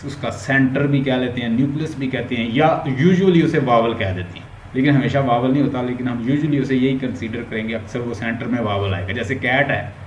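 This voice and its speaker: A man's voice: mid-range voice, fairly quick, dull audio. A male linguistics teacher with a Pakistani Urdu accent, giving an online lecture and explaining step by step while mixing English terms into his Urdu. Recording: roomy echo, faint background hum.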